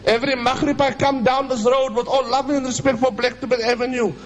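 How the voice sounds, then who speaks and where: A man's voice: very high voice, steady tone, brisk, highs cut off, slight background noise. A man with a Cape Town South African accent preaching a colloquial Friday sermon, impassioned and addressing his listeners directly with rhetorical questions.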